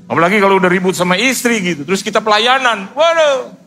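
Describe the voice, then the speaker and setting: A man preaching with a raised, fairly high voice, spinning funny stories in a loose, chatty way. He slips into other people's voices as he tells them. Faint music sits under his words. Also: fast talker. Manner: lively, acts out quoted voices; casual colloquial speech with fillers. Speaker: pastor. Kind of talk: humorous sermon storytelling.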